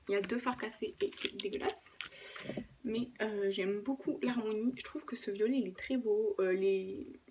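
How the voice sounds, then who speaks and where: A woman's voice: a little high, background noise. A woman vlogger talking casually through her makeup collection at home, hesitating often and correcting herself. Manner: chatty, lots of hesitations and self-corrections. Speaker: beauty vlogger. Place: at home, filming with a camera on a tripod. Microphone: camera mic on a tripod.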